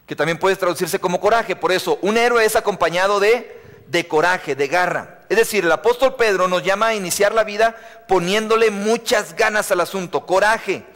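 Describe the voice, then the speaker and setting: A man's voice: high voice, moderate pace, a bit bright. A man preaching a live sermon to young people in a church, emphatic, repeating refrains and asking the audience questions. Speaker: youth preacher. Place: church sanctuary. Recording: long reverb of a church hall.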